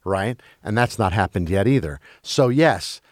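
A man with a lowish voice, chatting loosely about film and streaming. He grew up in Belgium, and he restarts his sentences and hunts for words as he goes. The sound is dry and close. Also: lively intonation, no room sound. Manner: halting, many restarts and fillers.

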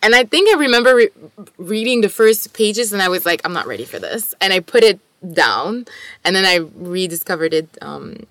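A woman's voice: medium pitch, moderate pace, fairly bright tone, dry recording. A woman whose first language is French, co-hosting a casual, enthusiastic discussion of articles and poetry.

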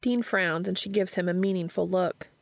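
Female storyteller reading fiction aloud, low, gravelly, dry. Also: moderate pace, dry recording. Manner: steady, even narration. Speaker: fanfiction reader.

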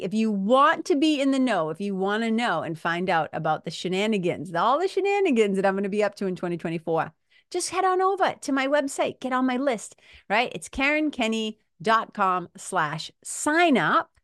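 A woman's voice: fairly high pitch, very animated, moderate pace, a bit bright, no echo, studio quality. A woman speaking as a podcast host and coach, giving a casual, emphatic motivational talk to listeners in informal, salty language.

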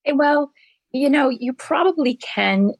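A middle-aged woman doctor, hoarse from allergies, answering interview questions candidly and explaining with homely comparisons. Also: sits high, lively intonation, unhurried, no room sound, rough recording. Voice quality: gravelly. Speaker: family medicine doctor, guest.

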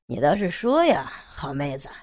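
A woman voicing a teasing man in an erotic audio story, speaking in a low, coaxing tone. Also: very animated, moderate pace, darkish tone, dry recording, clean studio sound.

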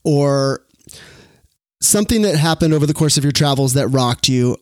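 Male podcast host, earnest and affirming, slightly high voice, dry close recording. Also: lively intonation, normal speed, dry recording. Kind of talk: interview hosting.

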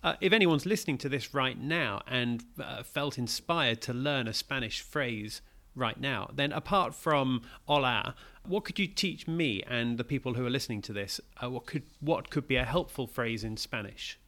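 A male host with a bright, crisp voice leads the interview with curious questions. He keeps his guest talking with short encouraging replies and sounds engaged throughout. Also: mid-range voice, animated, moderate pace.

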